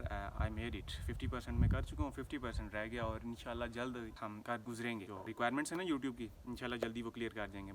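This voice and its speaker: A man's voice: medium pitch, distant mic, noisy background. A young man from Pakistan telling his own story as a vlogger, earnest and mixing English phrases into his speech. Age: young adult. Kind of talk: personal storytelling vlog.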